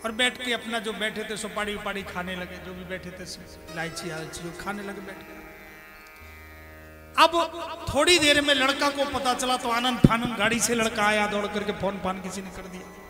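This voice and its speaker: A man preaching a devotional sermon, telling stories and acting out the cries and voices of their characters in an animated way. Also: sits high, normal speed. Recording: long hall reverb with music behind.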